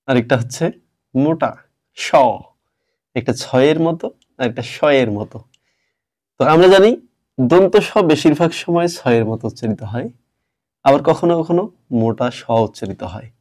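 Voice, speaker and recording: A man teaches a grammar lesson. He walks through each point step by step and keeps asking his students questions as he goes. His voice sits at an ordinary middle pitch. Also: a little mellow. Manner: explains step by step, asks the class questions.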